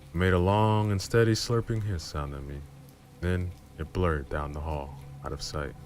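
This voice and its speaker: Deep-voiced male narrator for horror story readings, calm and low-key. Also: moderate pace, slight background noise.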